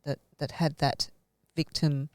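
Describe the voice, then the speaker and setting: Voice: mid-range voice, level tone, slow pace, no room sound. A podcast host asking questions in a casual interview, laughing often and searching for words.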